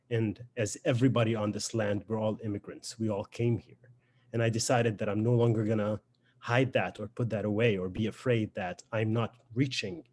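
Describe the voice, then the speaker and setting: A man's voice: lowish voice, darkish tone. A young man with a Lebanese accent and Arabic as his first language, a poet speaking informally and reflectively to introduce a reading, with frequent hesitations. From Beirut, Lebanon.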